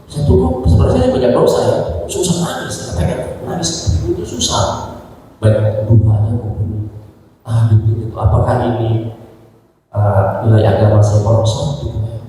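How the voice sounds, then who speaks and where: A man's voice: lowish voice, lively intonation, moderate pace, warm tone, slight background noise. An older man in the audience asking a question hesitantly, with many tag words, in a mosque hall. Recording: very echoey hall, far from mic.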